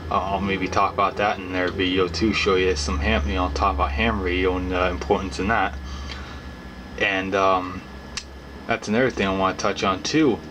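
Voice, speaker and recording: A young man rambles to camera about his hobby in an informal, folksy way, casually explaining things as a vlogger. His voice is deep and level, at a moderate pace, and the recording has clearly noisy background ambience.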